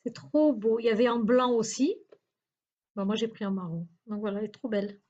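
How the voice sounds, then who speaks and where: Woman rambling thru her haul, lots of ums, mellow kinda high voice, dull lo-fi sound. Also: normal speed. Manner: chatty, hesitant, searching for words with many fillers. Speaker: YouTuber showing a shopping haul. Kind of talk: casual haul video chat.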